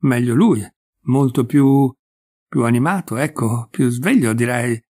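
A man's voice: medium pitch, measured pace, dark tone, dry recording, studio quality, natural voice. A man reading the lines of a shy, polite young male painter, hesitant and eager to please.

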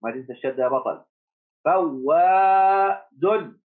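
A man teaching first graders online, encouraging the class, repeating words slowly and asking them questions. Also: mid-range voice, lively intonation. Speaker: primary school teacher. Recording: tinny phone-like audio.

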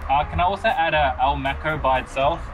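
A man's voice: a little high, a little fast, music in the background. A man with an Australian accent politely ordering food at a drive-through from his car, with casual fillers. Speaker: food reviewer. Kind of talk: casual vlog chat.

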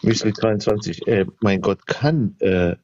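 A man's voice: on the low side, unhurried, darkish tone, lo-fi sound. A man debating religion in a heated online voice chat, insistent and arguing with examples. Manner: argues with courtroom examples, insistent.

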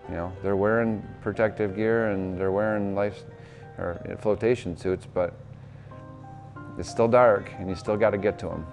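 A man's voice: on the low side, a little mellow. A man leading a safety team, speaking earnestly and plainly in a documentary interview.

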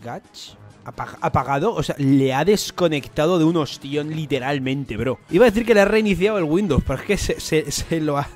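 A young man with a Spain Spanish accent reading a manga chapter aloud and reacting to it, excitable, swearing freely and bursting into shouts. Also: a little high, normal speed, soft background music. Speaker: anime reaction host. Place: home, floor above construction work.

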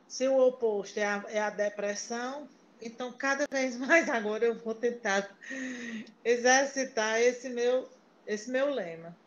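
On a casual video call, a woman from Paraíba, Brazil, takes part in the meeting by chatting and telling stories in a rambling way, often restarting her sentences. Her voice sits a little high, and the audio is muffled like a laptop mic.

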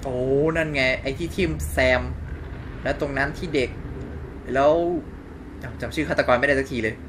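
A man's voice: medium pitch, fairly even intonation, normal speed, background noise. A man streaming a game, casually dubbing each character's lines into Thai on the fly and swearing now and then. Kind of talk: casual gameplay commentary.

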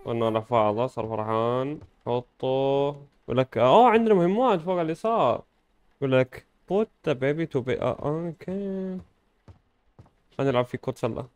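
Man, gaming host, casual play-by-play, jokey with sudden loud outbursts. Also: mid-range voice, brisk, clear, resonant tone, no echo. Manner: playful, joking, bursts of loud exclamation. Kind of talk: casual gameplay commentary.

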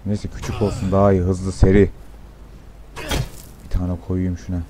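A young man commenting on his gameplay, excitable and swearing a lot, with sudden shouts. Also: low-pitched, normal speed, slight background noise. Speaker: gameplay streamer.

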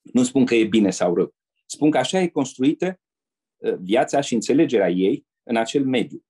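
An older man from Romania speaks in a warm, mellow and slightly husky voice. He tells his memories slowly as a guest in an interview. He often slips into the voices of the people in his stories. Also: mid-range voice, lively intonation. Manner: measured storyteller who acts out quoted people. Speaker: guest, retired diplomat. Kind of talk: anecdotal interview storytelling.

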